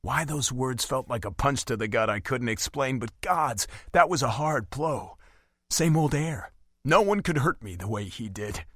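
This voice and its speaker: A man reading a first-person fantasy romance audiobook in an expressive, emotive way. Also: mid-range voice, measured pace, no room sound, studio quality. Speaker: audiobook narrator.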